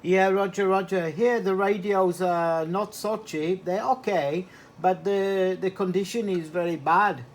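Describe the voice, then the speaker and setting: Over a slightly noisy two-way radio link, a male radio operator chats casually, hesitating and repeating words. His voice sits high, with a steady, unhurried delivery.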